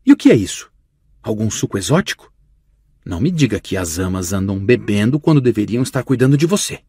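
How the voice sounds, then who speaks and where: A man voicing a young princess, a gentle and doting older sister, who speaks in a soft, hushed whisper. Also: lowish voice, big pitch swings, brisk, breathy edge, no echo, studio quality, voice pushed down. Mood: playful.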